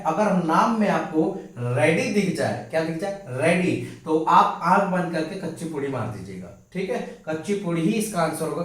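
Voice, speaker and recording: A male teacher giving an exam-prep lesson, repeating key words and asking the class rhetorical questions. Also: fairly high pitch. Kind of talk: Hindi exam-prep lesson with memory tricks. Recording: very echoey room, mic at a distance.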